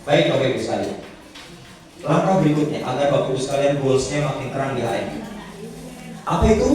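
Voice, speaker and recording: A man giving a motivational business seminar to a live audience, acting out little dialogues in a raised voice. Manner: animated, acts out dialogues in a high voice. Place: large indoor hall with audience. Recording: echoey hall, mic heard from far off.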